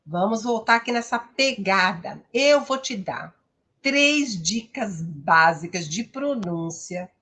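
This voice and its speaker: A woman's voice: fairly high pitch, fairly bright tone. A Brazilian woman English teacher giving a live-streamed pronunciation lesson, explaining patiently and often checking in with her viewers. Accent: Brazilian Portuguese.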